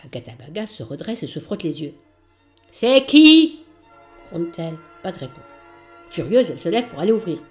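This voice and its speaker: A woman narrating a children's storybook aloud in an expressive, lively way. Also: low-pitched, quick pace, faint music behind.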